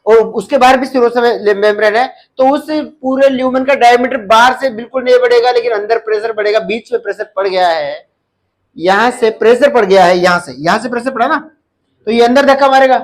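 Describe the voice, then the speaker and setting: Lecturing a live class, a nursing exam teacher keeps quizzing the students and repeating key terms. He speaks briskly in a very high-pitched voice, and the audio quality is poor.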